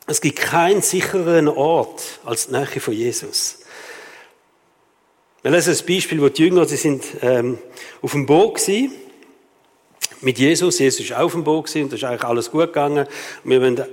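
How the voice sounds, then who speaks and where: Swiss German preacher in a reverberant hall. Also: male voice, on the high side, moderate pace, pauses often. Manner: lively, rhetorical, keeps asking the audience "oder?". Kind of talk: sermon.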